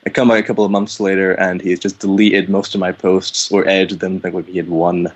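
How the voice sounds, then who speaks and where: A man's voice: low voice, flat delivery, fairly quick. A man chatting casually about video games, with blunt, dismissive remarks. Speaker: podcast co-host.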